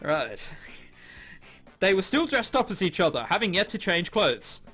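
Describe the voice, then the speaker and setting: With game music underneath, a man hosting a gaming video series reads a visual novel a little slowly, throwing in sarcastic, amused, sweary asides. His voice is high, sharp-toned, and very animated.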